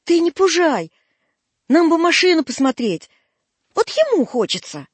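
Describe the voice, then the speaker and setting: A woman's voice: extremely high pitch, big pitch swings, unhurried, dry recording, pitched above the performer's own voice, full character voice. A woman voicing a bold, cheeky street boy in a storybook reading, pushy and bargaining. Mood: coaxing.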